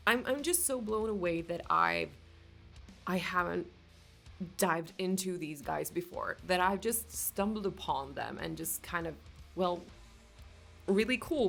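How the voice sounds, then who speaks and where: A woman with a low-pitched voice and vocal fry hosts casual reaction commentary, gushing with enthusiasm. She is from Finland, speaks Swedish as her first language, and has a Finland-Swedish accent.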